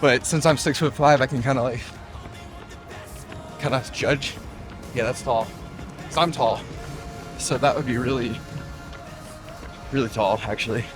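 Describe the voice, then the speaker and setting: A man's voice: mid-range voice, steady tone, measured pace, long pauses, music in the background. A young man in his twenties, chatting casually and upbeat while running outdoors and sometimes getting out of breath. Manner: upbeat, chatty, lots of "like" and "just". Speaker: running vlogger. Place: outdoors on a trail.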